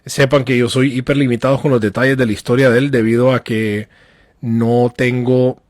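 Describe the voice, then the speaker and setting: A man's voice: medium pitch, flat delivery, moderate pace, darkish tone. A man hosting a live online interview, upbeat and chatty with hearty slang, on a studio microphone. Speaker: host. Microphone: new studio microphone.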